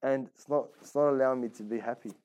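On a poor recording, a man with a medium-pitched, darkish voice talks fast while teaching a religious class as an Islamic teacher. His conversational sermon is colloquial and repetitive, with rhetorical questions, Arabic religious phrases and inner voices he role-plays.

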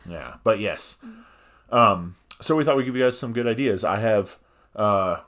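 A man's voice: lowish voice, animated, measured pace, fairly bright tone. A man co-hosting a podcast in casual banter, talking with half his face numb from the dentist. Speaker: podcast co-host.

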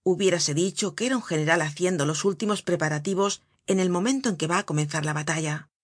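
A woman narrates a novel in a measured, even audiobook reading. Her voice is low and husky, and the sound is close and completely dry. Nothing else is heard behind her. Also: no echo.

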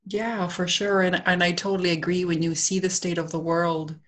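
A middle-aged woman from Peru talks as a podcast guest in a fairly low voice. She is chatty and relaxed, filling her sentences with fillers as she goes. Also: moderate pace. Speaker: guest, centre co-owner. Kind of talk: casual interview talk.

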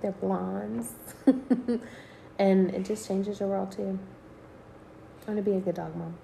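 Slow, rambling woman host who laughs easily, recorded in a roomy space. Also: mid-range voice, fairly even intonation, creaky, mellow, slight background noise. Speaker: podcast host. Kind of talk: casual podcast chat. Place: room at a friend's house. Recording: echoey room.

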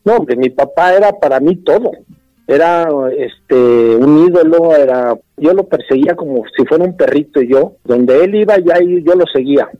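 A man, an interview guest who tells a family anecdote in an animated way. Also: a little high, moderate pace, no echo, faint music behind. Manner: animated storyteller who acts out voices. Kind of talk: reminiscing storytelling. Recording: dull, dry broadcast audio.

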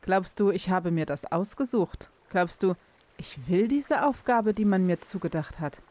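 A woman's voice: sits low, expressive, normal speed, a little mellow. Brief: a woman doing an earnest young hero in a storybook reading, stammering and pleading, close to her own voice. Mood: angry.

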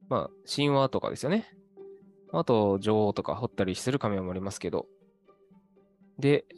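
A man hosting his own video, talking casually with lots of fillers about what he has been reading. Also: medium pitch. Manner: relaxed, chatty, with many fillers and asides. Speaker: host.

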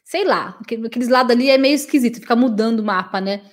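Teaching an English lesson live, this Brazilian woman speaks fast in a bright, high voice, her native Portuguese showing through. Warm and talkative with viewers, she keeps tacking little "né?" questions onto what she says.

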